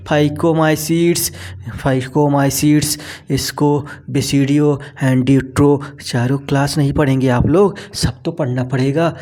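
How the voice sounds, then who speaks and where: A man's voice: medium pitch, a little mellow. A man teaching a biology lesson for exam students in mix, repeating key terms and answering his own questions. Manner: talks to students as "bhai sahab" and "beta". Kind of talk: exam-prep lecture.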